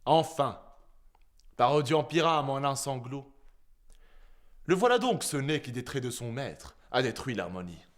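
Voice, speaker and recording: A man's voice: mid-range voice, expressive, measured pace, pauses often, natural voice. A man playing a proud, witty swordsman in a theatrical verse monologue, declaimed like a hammy stage actor with showy switches of tone. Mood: mock-tragic. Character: proud, witty swordsman mocking an insult to his large nose.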